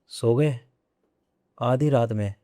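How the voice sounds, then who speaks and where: A young man tells a personal ghost story as a podcast guest. His voice is mellow and dark, and he speaks conversationally, circling back over his own phrases. The recording is dry and close, with no room echo. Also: medium pitch. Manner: repeats phrases, conversational and unhurried.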